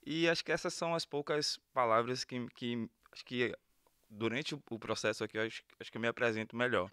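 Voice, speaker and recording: A man's voice: medium pitch, steady tone, a little fast, pushed and bright, smooth, no echo, studio quality. A man, a sociology professor and guest on a podcast, speaking in an earnest, reflective way. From Salvador, Brazil. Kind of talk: casual podcast conversation.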